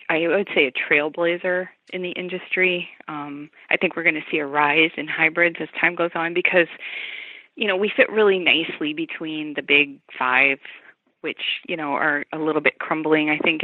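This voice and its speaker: A woman's voice: deep voice, dry recording. A woman author talking in a chatty, casual way with many fillers and restarts during an interview, over a tinny phone line.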